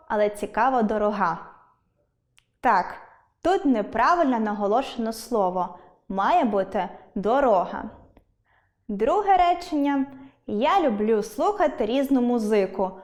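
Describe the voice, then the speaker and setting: Woman teacher, clear deliberate lesson delivery. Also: fairly high pitch, darkish tone. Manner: clear, deliberate, exaggerated stresses on example words. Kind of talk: scripted online lesson.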